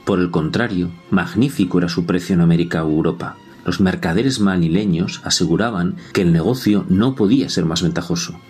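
A man giving a measured, scripted historical narration. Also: deep voice, darkish tone, faint music behind. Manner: measured, descriptive storytelling.

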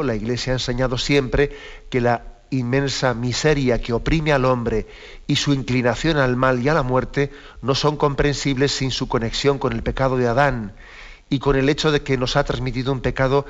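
A man giving a catechism commentary on the radio, explaining a text he reads out in parts and pausing to reflect. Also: medium pitch. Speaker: bishop giving catechism talk. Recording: slightly dull radio broadcast.

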